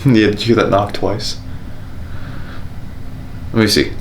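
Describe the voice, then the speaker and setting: A man's voice: on the low side, fairly even intonation, unhurried, roomy sound. A man talking as a paranormal investigator on a ghost-hunt vlog, questioning in an insistent, repetitive way. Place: inside an old jail. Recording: noisy on-location camera audio.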